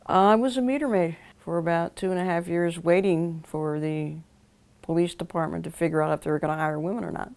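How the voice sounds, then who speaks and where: Low gravelly older woman, hesitant. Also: steady tone, brisk, a little mellow. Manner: hesitant, thinking aloud. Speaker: retired police officer. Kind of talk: documentary interview.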